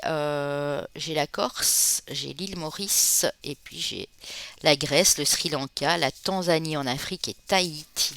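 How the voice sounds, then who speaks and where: A tarot card reader from the Spanish Basque Country speaks in a mid-range, slightly bright voice. She gives viewers a casual, chatty reading, tagging sentences with "hein" to fill pauses and calling her audience friends.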